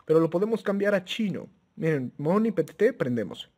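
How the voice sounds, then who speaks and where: This man, who reviews radio gear, gives a casual demo of a handheld radio against heavy background noise. His voice runs somewhat high and very animated at a fairly quick clip, and he keeps restarting, using fillers and chuckling as he chats with viewers like pals.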